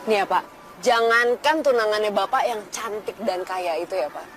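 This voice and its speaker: A woman's voice: mid-range voice, moderate pace, a bit bright, a little hiss or hum, natural voice. An actress playing a cheeky, outspoken young working-class woman in a TV drama, blunt and chatty. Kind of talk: TV film drama acting.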